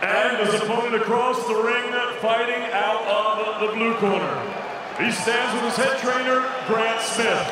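A man working as a ring announcer, giving formal, theatrical fight introductions with grand, drawn-out names and titles. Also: very high-pitched. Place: large indoor arena, boxing ring. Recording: echoey arena PA, far off, crowd noise.

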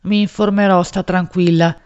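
A woman's voice: lowish voice, little pitch movement, normal speed, darkish tone, smooth, lightly acted. A woman reading aloud and doing a nosy, gossipy man who pries into his friend's love life, teasing and insistent. He is lightly exaggerated, as in a storybook read aloud, on a slightly dull, lo-fi recording.

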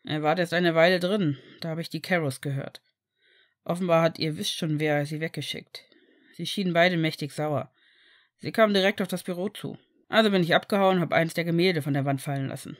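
Hushed teen boy wizard, woman reading him, low and quiet, storybook style. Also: a little fast, dry recording, studio quality, close to an everyday voice. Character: young male student, hushed and tense. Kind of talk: audiobook character reading.

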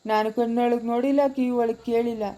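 A woman's voice: a little high, level tone, quick pace, dark tone, lightly acted, low-quality recording. A woman playing a weary, pious elderly village grandfather in a home-made family drama, speaking humbly and deferentially. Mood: troubled, humble. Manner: humble and deferential, pleading, plain-spoken.

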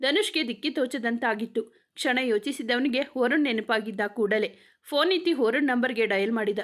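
A woman's voice: a little high, brisk. A woman reading a romantic story aloud, narrating and speaking every character in much the same voice.

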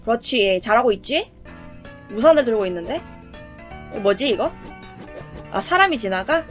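Woman, high voice, casual game commentary, playful self-talk, faint background music. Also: expressive, normal speed. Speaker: game streamer. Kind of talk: casual let's-play commentary.

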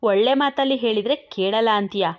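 A woman's voice: on the high side, a little fast, lightly acted. A woman voicing a feisty young woman in a romantic audio story who scolds and calls names. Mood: scolding. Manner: scolding, name-calling, pleading. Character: feisty young village woman, sharp-tongued. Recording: dull lo-fi recording.

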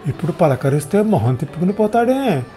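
A man's voice: high voice, sing-song, fairly quick, warm tone, faint music behind, voice pushed up. A man voicing a talkative, meddling elderly mother in a wheelchair, fussing over everyone in a storybook reading. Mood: chatty.

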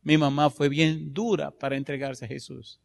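A man's voice: fairly high pitch, little pitch movement, moderate pace, vocal fry. Impassioned middle-aged male preacher. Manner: impassioned storytelling preacher, swinging from loud to hushed. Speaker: pastor. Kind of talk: sermon.

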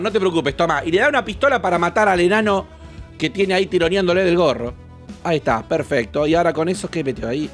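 Argentine guy doing crude reaction commentary, high voice that bounces all over, shouty then mumbly. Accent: Argentine Rioplatense. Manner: crude, mocking, swings from shouts to mutters. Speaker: reaction video host.

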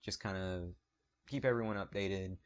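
A man's voice: deep voice, normal speed. A man with a Southern US accent hosting his photography channel, talking casually to camera in an apologetic, rambling way, recorded on a point-and-shoot camera mic.

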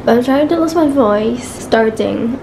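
A sick young woman with a Malaysian English accent vlogs to camera from her bedroom, coughing and losing her voice as she mixes Malay words into her English. Her voice is on the high side, unhurried and creaky. The camera mic, held close or on a tripod, picks up noisy background.

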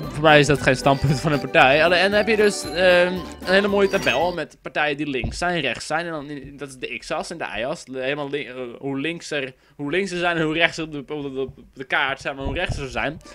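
A young man talks his way through a video game in a loose, rambling let's-play style, dropping fillers and crude jokes as he goes. His voice sits a little on the high side. Game music plays clearly behind him. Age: young adult. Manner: rambling and chatty, with frequent fillers and crude asides. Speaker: gameplay commentator. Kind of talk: casual let's-play commentary.

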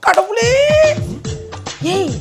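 Wailing, scolding high-voiced woman. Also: drawn-out words, gravelly. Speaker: mother in a comedy skit. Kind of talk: comic acting. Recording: loud music behind.

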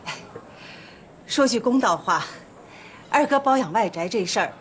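Actress doing a chatty, wheedling sister-in-law, high and lively voice, noisy set. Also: female voice, normal speed, natural voice. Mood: persuasive. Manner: coaxing, persuasive, chatty. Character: shrewd talkative woman smoothing over a family quarrel. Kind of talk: television period drama acting. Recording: noisy background.

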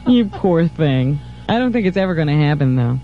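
A woman's voice: low voice, animated, fairly quick, a little hiss or hum. A woman co-hosting a radio show, chiming in with laughing mock protests. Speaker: radio co-host. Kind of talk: casual radio banter. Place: radio studio. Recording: dull lo-fi 1980s radio broadcast.

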